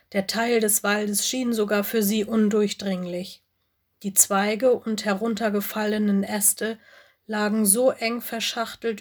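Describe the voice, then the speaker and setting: A woman reading a children's story aloud as narrator, in calm, clear scripted storytelling. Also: medium pitch.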